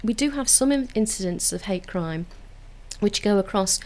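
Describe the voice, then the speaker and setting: On a low-quality recording, a woman speaks at normal speed in an animated, medium-pitched voice with a darkish tone. She is a council community engagement officer with a Liverpool accent, giving a radio studio interview about community work, earnest and enthusiastic, with many filler restarts.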